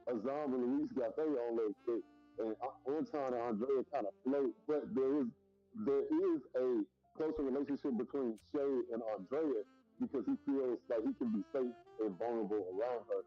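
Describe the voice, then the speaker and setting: A man's voice: medium pitch, moderate pace, faint music behind. Man with a muffled call mic. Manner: laid-back, lays out points step by step. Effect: muffled voice over an online call. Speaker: co-host of a comics review stream. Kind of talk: casual group discussion. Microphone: online voice call.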